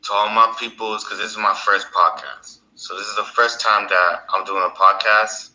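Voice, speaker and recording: A man's voice: lowish voice, steady tone, moderate pace, sharp tone. A man hosting his own podcast in a casual, rambling monologue, laughing at his own stories. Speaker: podcast host. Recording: echoey room.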